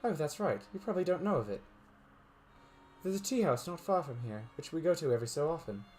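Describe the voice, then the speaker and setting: A man playing a composed, well-mannered teenage girl from a visual novel, speaking with formal courtesy. The voice swoops lively up and down and moves at a brisk clip, with faint music underneath. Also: a little high. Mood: polite. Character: prim, polite teenage girl, composed and proper. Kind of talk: fan voice reading of a visual novel.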